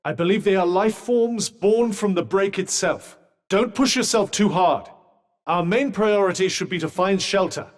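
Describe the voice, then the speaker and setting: An actor with a British accent voicing an urbane, dry-witted, sardonic magic cuff in a video game, speaking in a formal, articulate way. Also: male voice, high voice, moderate pace, lightly acted. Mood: measured advising. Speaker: video game companion character. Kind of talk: scripted game dialogue.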